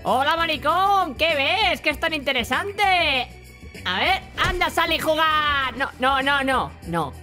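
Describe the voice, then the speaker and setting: A man with a Spain Spanish accent voicing a camp, flamboyant, cocky, lewd male soldier in theatrical, taunting gameplay commentary, with shouted catchphrases. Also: extremely high pitch, big pitch swings, unhurried, exaggerated voice. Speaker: gaming YouTuber. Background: game music.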